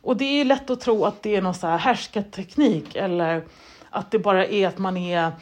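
A woman's voice: mid-range voice, darkish tone. A woman in a casual, rambling monologue who often loses her thread and acts out her own inner thoughts. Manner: chatty, self-deprecating, loses her thread; frequent fillers and restarts, acts out inner thoughts.

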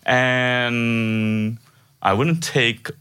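On a company podcast, a developer from India in his thirties speaks at medium pitch with a steady tone, drawing out his words in a clean, pushed, bright voice. His casual interview talk is hesitant, packed with fillers and restarts, and he laughs often. His native tongue is an Indian language, not Norwegian.

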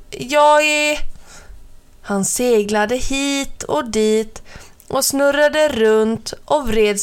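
A woman narrating a children's story in a gentle, expressive way. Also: fairly high pitch, smooth.

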